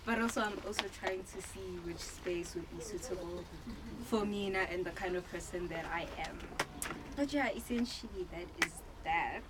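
A woman's voice: lowish voice, normal speed, noisy background. A shy woman in her twenties from South Africa introducing herself, self-deprecating and mixing in Zulu words. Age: 20s. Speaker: group member introducing herself.

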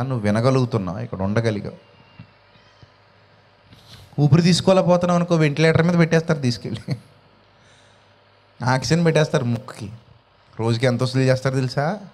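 A male pastor preaching a sermon in an animated way, full of rhetorical questions. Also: mid-range voice, big-room sound.

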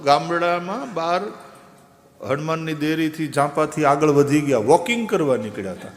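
A man's voice: fairly high pitch, animated, normal speed. A man telling a parable in a sermon, who acts out the voices in the story. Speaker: religious storyteller. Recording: echoey hall with long reverb.

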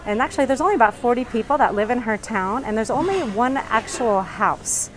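A woman's voice: on the high side, animated, a little fast, music in the background. A woman guiding a casual walking tour, her speech muffled as she talks through a face mask. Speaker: local tour guide vlogger. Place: covered market and its entrance. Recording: noisy handheld recording with market ambience.

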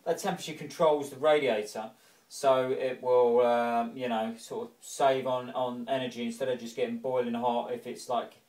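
A man's voice: medium pitch, little pitch movement, normal speed, a little mellow. A man in his thirties, a heating engineer, explaining an installation in a home kitchen and hallway in a chatty, informal way with many fillers. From England. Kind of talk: casual walkthrough explaining an installation. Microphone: camera-mounted mic, filmed by someone else. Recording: roomy, distant camera sound.

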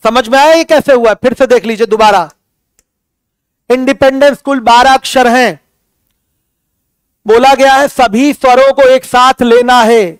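A male math teacher with a very high, smooth and resonant voice. He keeps calling his students his children and poses questions that he answers right away. The sound is dry and close, with no room echo. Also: fairly even intonation, measured pace, long pauses. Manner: calls students "my children", asks questions and answers them himself. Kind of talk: classroom lecture.

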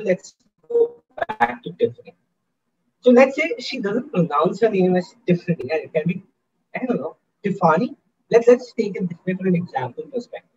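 A man's voice: sits high, a little mellow, dull audio. A man giving an interactive online lecture to students, upbeat and coaxing, often asking the audience questions. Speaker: guest speaker in a student workshop.

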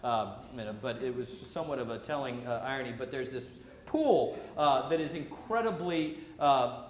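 A man, a priest, preaches a sermon into a pulpit microphone in a church, halting often with "uh" fillers. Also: mid-range voice. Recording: echoey church sound with faint hum.

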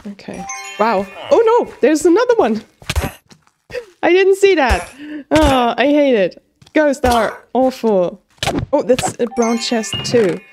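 A woman commentating her own gameplay, excitable, gasping and pleading with the game as she plays. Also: high voice. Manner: excitable, gasps and squeals with delight. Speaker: gaming video creator.

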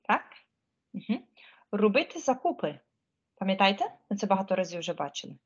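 A woman's voice: mid-range voice, very animated, normal speed, slightly rough, muffled recording. A woman giving an online Spanish lesson in a chatty, informal way, often checking whether her students follow. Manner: frets about pressing buttons. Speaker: Spanish teacher.

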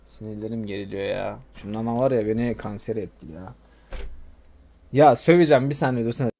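A young man playing a mobile game and commenting casually, swearing and getting loudly frustrated. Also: on the low side, fairly even intonation, quick pace, gravelly. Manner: frustrated, swearing, loud bursts of anger. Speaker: gamer streamer.

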